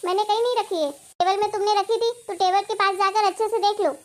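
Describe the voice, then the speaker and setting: A woman voicing a sharp-tongued young daughter-in-law in a cartoon story, snapping back at her husband. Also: very high-pitched, fairly even intonation. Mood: irritated. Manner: defiant, quick retorts. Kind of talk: cartoon voice acting.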